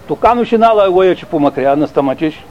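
An older man recalling his army service in a halting, rambling interview, full of restarts and fillers. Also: on the high side, lively intonation, dull audio, slight background noise. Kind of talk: oral history storytelling.

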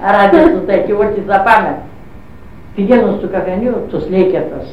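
An older woman tells an oral history of her youth in an interview, acting out quoted dialogue and constantly tagging it with "she says, I say." Her medium-pitched voice is expressive, with slight background noise on an echoey, distant, dull lo-fi recording.

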